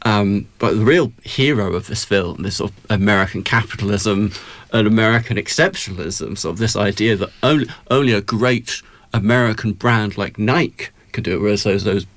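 Low-voiced man reviewing films. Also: normal speed, fairly bright tone, dry recording. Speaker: film critic. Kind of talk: conversational film review.

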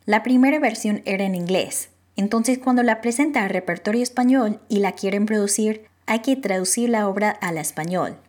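A woman reporter reading the scripted narration of a radio feature in a measured, even way. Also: medium pitch.

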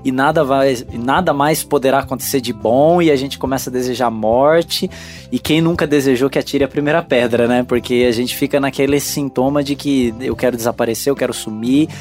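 A man in the middle of the pitch range explains scripture on a casual podcast in a calm, teacherly way. His speech is steady and reflective. Soft music sits low in the mix. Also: brisk. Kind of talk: casual Bible study discussion.

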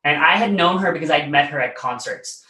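He talks briskly in a fairly high, sharp voice, an American man in his late twenties spinning loose, chatty interview anecdotes full of "like" and "you know." The space around him is echoey.

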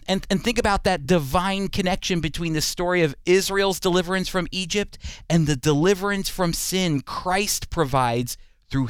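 A man with a slightly high, smooth voice preaches earnestly and emphatically, teaching the Bible in sermon style and posing rhetorical questions on a religious programme. The recording is clean studio sound with no room noise.

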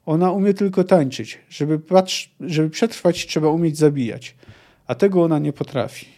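A man voicing a scornful young female elf outlaw, read aloud with a sharp, dismissive edge. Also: on the high side, moderate pace, lightly acted.

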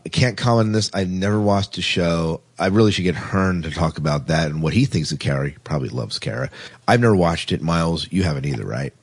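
Deep, husky, and animated, a man hosts a podcast, chatting casually about sci-fi characters from TV at a quick pace. He frequently circles back to say his phrases again.

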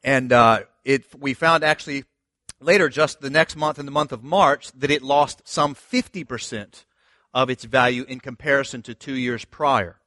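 A man's voice: mid-range voice, fairly even intonation, normal speed, pushed and bright, no echo, studio quality. A middle-aged man, a pastor, telling his story earnestly in a sermon with fillers and restarts.

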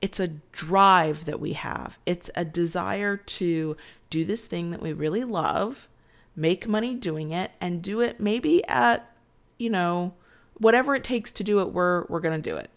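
This podcast host is an adult woman with kids, running a casual late-night show while congested and nasal from a sinus cold. Weary and chatty, she rambles and restarts her sentences often, speaking in a lowish, unhurried voice.

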